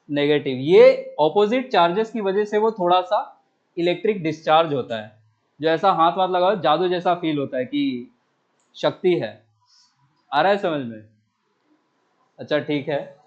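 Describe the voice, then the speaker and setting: Guy teaching physics in a classroom, pretty high voice, keeps asking the class stuff, muffled lo-fi recording. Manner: asks students questions and answers them himself; coaxing, repeatedly checks understanding. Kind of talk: classroom lecture.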